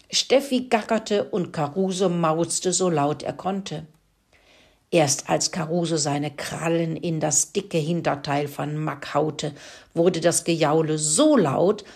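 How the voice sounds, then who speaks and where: A woman reading a children's farm-animal story aloud in a slow, lively storybook manner. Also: low voice, creaky, slightly rough.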